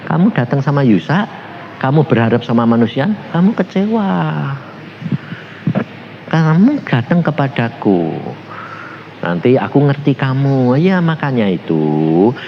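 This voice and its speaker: A calm and patient Jesus, as a preacher puts him on, speaking slowly in a soft, deep, tender voice. The speech swings down far below a preacher's usual register. The recording is slightly dull, with a faint hiss behind it. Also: male voice. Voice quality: soft and low. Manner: slow, tender and reassuring.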